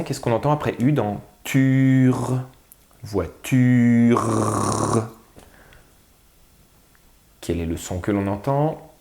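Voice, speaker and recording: A man teaching a spelling lesson, sounding out syllables slowly and carefully. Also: medium pitch, warm tone, reverberant. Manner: slow, drawn-out, sounding out syllables.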